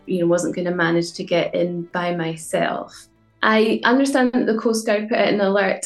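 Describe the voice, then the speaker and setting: A woman in her forties with a Highland Scottish accent, giving a conversational, reflective personal account in an interview. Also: roomy sound. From Inverness, Scottish Highlands. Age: 40s. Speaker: rescued paddleboarder telling her own story.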